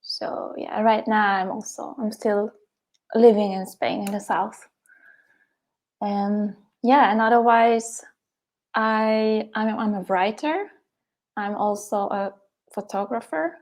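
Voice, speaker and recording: A woman's voice: mid-range voice, steady tone, slow pace, a little mellow. A woman from Hungary, a poet and guest, chatting casually in an interview over a video call and laughing often.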